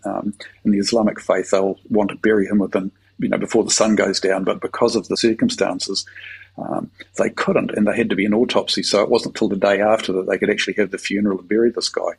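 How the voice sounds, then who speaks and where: A middle-aged man from New Zealand, a military chaplain, telling a story in a halting, filler-heavy conversational way with a New Zealand accent. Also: fairly low pitch, steady tone, gravelly, husky, low-quality recording. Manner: halting, many fillers and repeated words.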